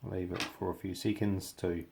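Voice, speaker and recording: The speaker is a New Zealand man giving a hands-on hobby tutorial in a very deep, gravelly voice with heavy creak that is a little mellow. His delivery is flat, casual, and halting as he thinks out his phrases mid-demonstration, over a little hiss or hum.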